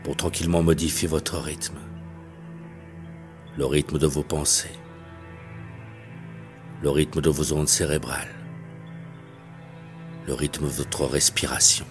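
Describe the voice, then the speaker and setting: Man with a deep, slow hypnotic voice. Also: little pitch movement. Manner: slow, detached hypnotic delivery. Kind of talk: guided hypnosis session. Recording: faint background music. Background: soft music.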